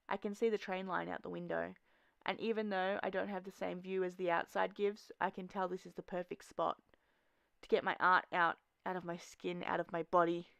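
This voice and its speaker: A woman voicing a gravelly teen girl. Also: on the low side, dry recording. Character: troubled teenage girl graffiti artist, restless. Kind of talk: first-person audio drama narration.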